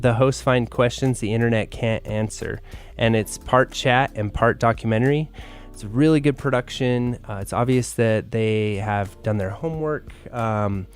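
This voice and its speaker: A man co-hosts a podcast, casually sharing news and tips and explaining them conversationally. His voice is smooth and mid-range.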